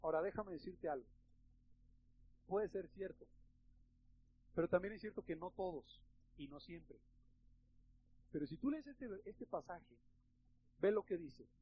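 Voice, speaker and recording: A man's voice: high-pitched, expressive, a little slow, long pauses, highs cut off, slight background noise. A male pastor with a Mexican Spanish accent preaches emphatically and conversationally, often calling the listeners brothers. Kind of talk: sermon.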